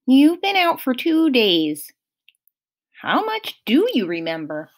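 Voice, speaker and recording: A woman's voice: huge pitch swings, takes it slowly, exaggerated voice. A woman voicing a timid, guilt-ridden teenage male satyr in an audiobook, stammering and apologetic. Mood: guilty. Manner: apologetic, stammering, high-pitched. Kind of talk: audiobook reading.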